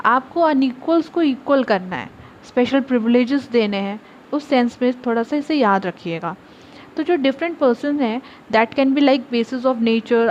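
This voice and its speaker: A young woman teaches a law class to her online viewers, explaining each point step by step and often switching into English legal terms. Her voice sits slightly high. The recording is a little dull, with a faint hiss underneath. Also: a little mellow. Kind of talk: online lecture. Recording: slightly dull audio with faint background noise.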